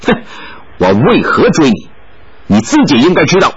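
A man's voice: mid-range voice, huge pitch swings, normal speed, a bit bright, husky, no echo, lo-fi sound, heavily acted. A man voicing a proud, hot-tempered young swordsman who speaks coldly and sternly. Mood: stern angry. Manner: stern, cold, angry.

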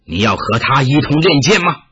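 一位男子演绎一位愤怒严厉的年长道长，嗓音沙哑，拔高声调大声斥责，录音音质发闷。. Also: male voice, mid-range voice, very animated, normal speed, breathy edge, lo-fi sound, full character voice. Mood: scolding. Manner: scolding, shouting raised voice. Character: angry stern old Taoist elder, young man's uncle-teacher.

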